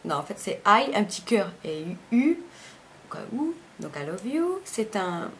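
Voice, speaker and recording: A woman talks loosely to camera as a beauty vlogger, at a mid pitch for a woman. She rambles and restarts her phrases as she goes. A faint hiss sits under her voice. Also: sing-song, unhurried. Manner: chatty, rambling, often corrects herself mid-sentence. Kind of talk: casual makeup review chat.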